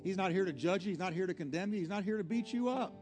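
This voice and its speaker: High-voiced male preacher in a reverberant hall. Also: fast. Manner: earnest, exhorting, emphatic short repeated phrases. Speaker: pastor preaching to a congregation. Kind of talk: sermon with altar call. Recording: long hall reverb, music behind.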